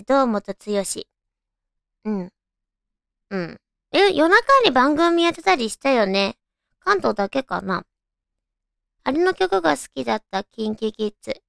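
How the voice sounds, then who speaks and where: High, cute anime-girl voice, creaky young-sounding woman. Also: dry recording, studio quality. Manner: chatty, musing aloud to listeners. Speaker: radio show host. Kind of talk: casual solo radio chat.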